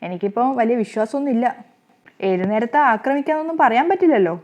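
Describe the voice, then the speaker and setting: A woman's voice: a little high, animated, quick pace, darkish tone, lightly acted. A woman voicing a mischievous young wife who talks in a playful, teasing way. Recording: slightly muffled lo-fi recording.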